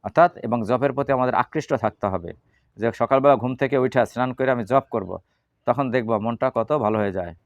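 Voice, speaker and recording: A man's voice: mid-range voice, dry recording, dull audio. A man teaching a class on the Gita, asking his listeners questions and answering them himself. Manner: leads slow chanting. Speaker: religious teacher.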